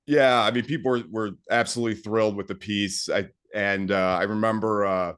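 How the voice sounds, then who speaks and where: A man's voice: lowish voice, fairly even intonation, brisk, a bit bright, smooth. A man talking as a guest composer in a casual interview, enthusiastic and full of fillers and restarts.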